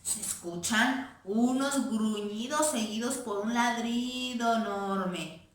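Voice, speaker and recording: A woman primary school teacher reading a play aloud to children in an expressive way, in an echoey room. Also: fairly high pitch, slow pace. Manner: expressive, addressing children directly.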